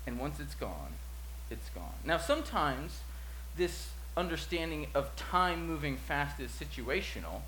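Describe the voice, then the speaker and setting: A man in his forties preaching a sermon, telling a story with acted-out quotes and swings from loud to hushed. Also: on the high side, sing-song, a little slow. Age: 40s. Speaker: pastor. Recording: echoey room with faint hum.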